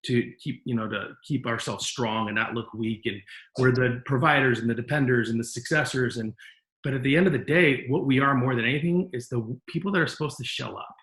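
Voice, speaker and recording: A man's voice: mid-range voice, brisk, a bit bright, reverberant, rough recording. A man hosting a podcast interview, talking in an earnest, rambling, encouraging way. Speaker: podcast host. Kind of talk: casual interview talk.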